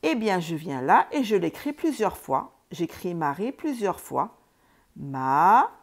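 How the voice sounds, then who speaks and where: A woman teaching reading and spelling, sounding out words slowly, syllable by syllable. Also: lowish voice, very animated. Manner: slow, syllable by syllable, sounding out letters.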